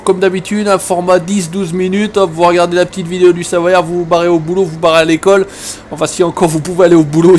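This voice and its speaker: A rambling, joking man from Savoie, France, talks his way through a farming game from home, his voice sitting a touch high for a man. He restarts sentences often and fills gaps with easy fillers, with a faint hiss of noise under his voice. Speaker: gaming video host. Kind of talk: casual let's-play chat.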